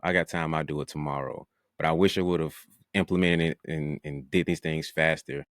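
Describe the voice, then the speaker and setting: Male podcast host, very deep, laid-back and reflective; dry close-miked sound. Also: moderate pace, no room sound. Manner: relaxed, reflective, slips into slang. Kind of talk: casual podcast chat.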